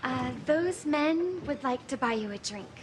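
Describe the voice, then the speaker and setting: A woman's voice: high voice, expressive, unhurried, noisy background. A woman speaking dialogue in a film scene.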